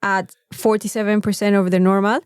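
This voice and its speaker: Co-hosting a podcast, a woman with a Mexican accent chats casually, rambling and swearing freely. Her ordinary mid-pitched voice is smooth and a little fast, with little pitch movement, and the dry sound carries very little room echo.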